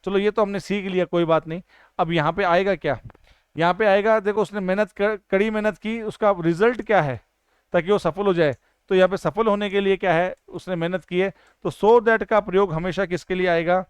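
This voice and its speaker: A man teaches an exam-prep grammar lesson in a high, smooth and resonant voice. He keeps asking the class a question and then answering it himself, and he slows down sharply on English example sentences. The recording is dry and close, with no room sound. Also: steady tone, no echo.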